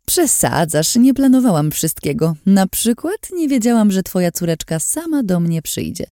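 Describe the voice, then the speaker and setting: A woman's voice: mid-range voice, very animated, moderate pace, warm tone, no room sound, clean studio sound, pitched above the performer's own voice, lightly acted. A woman voicing a cruel, scheming woman who taunts her captives in a sweetly menacing, sing-song way. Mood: mocking.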